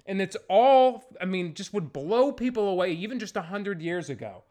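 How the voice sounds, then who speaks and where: Lively, profane man ranting comedically. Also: high-pitched, normal speed. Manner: profane, rambling, animated. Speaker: podcast host. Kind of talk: solo comedic rant.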